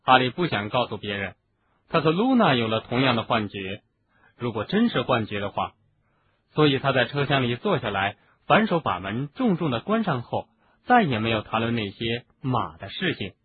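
Guy reading a storybook aloud, expressive, lively pitch, tinny phone sound, faint hiss. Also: moderate pace. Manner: expressive, doing voices for each character. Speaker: audiobook narrator. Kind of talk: storybook narration.

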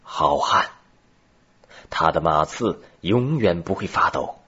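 A man voicing a calm, confident guide who speaks in clipped, broken words. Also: low voice, slow pace, slightly rough, lo-fi sound, exaggerated voice. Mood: approving.

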